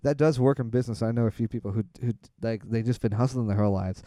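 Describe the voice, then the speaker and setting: Laid-back man with a smooth, mellow voice. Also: mid-range voice, fast talker, no room sound, clean studio sound. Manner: rambling, filler-heavy, laid-back. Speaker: podcast co-host. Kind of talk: casual movie trailer chat.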